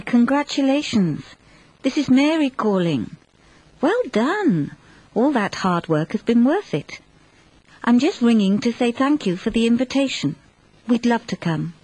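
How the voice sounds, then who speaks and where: A woman's voice: a little high, very animated, a little slow, darkish tone, slightly rough, no echo, rough recording. A woman leaving a voicemail message over a landline phone in a scripted listening-test dialogue, upbeat and congratulatory.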